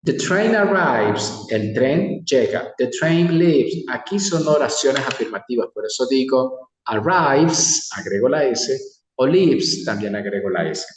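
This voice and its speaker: Man teacher going over english phrases real slow, mic a bit far, roomy echo. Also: medium pitch, animated. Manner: slow, deliberate, exaggerated English pronunciation. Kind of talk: classroom lesson. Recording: echoey room, distant mic.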